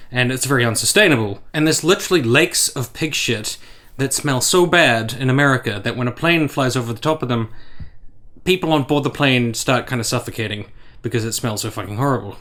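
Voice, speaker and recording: A man's voice: mid-range voice, sharp tone. A man giving blunt, sarcastic, profane opinion commentary for a vlog. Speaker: commentary YouTuber.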